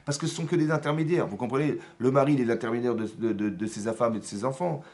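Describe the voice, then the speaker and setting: A man's voice: medium pitch, fast. A man, a rabbi, giving a Torah lesson in a synagogue, repeating himself and often asking whether his listeners understand. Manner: animated, repetitive teaching with checks for understanding.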